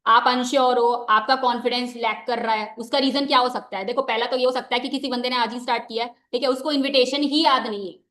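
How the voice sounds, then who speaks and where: A woman's voice: on the high side, steady tone, fast talker, few pauses, a bit bright, echoey room. A young woman giving a conversational motivational training talk into a microphone, mixing in English phrases and often saying "ठीक है" as a filler. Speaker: network marketing trainer. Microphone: wearing a microphone.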